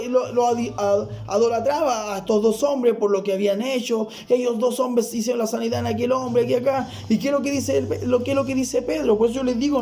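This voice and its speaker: A man's voice: very high-pitched, dark tone. A man preaching a fervent sermon, often calling the listener "brother".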